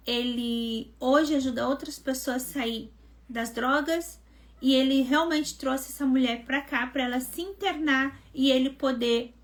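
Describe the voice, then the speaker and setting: High-voiced woman telling a testimony. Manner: animated storytelling, acting out quoted dialogue; conversational, addresses listeners as gente. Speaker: devotional mentor and host. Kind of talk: testimony in a live online devotional.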